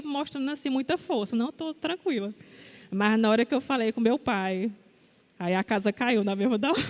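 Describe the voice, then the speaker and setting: Woman, young adult, church testimony, candid storytelling, higher voice, long hall reverb. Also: a little mellow. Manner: candid storytelling, quotes herself and others. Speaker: preacher giving testimony. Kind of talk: sermon testimony.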